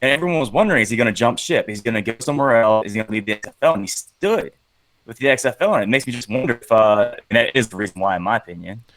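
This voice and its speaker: Fast-talking man on a glitchy call. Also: medium pitch, animated, a bit bright, dry recording, rough recording. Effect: glitchy, robotic video call audio. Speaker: podcast co-host. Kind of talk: casual sports chat. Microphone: video call.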